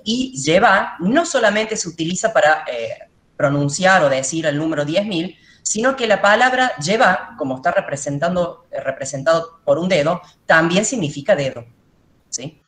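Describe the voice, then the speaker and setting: Teacher, female, low-pitched, patient classroom explainer, reverberant room. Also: moderate pace. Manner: explains step by step, checks in with the class. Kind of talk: classroom lecture.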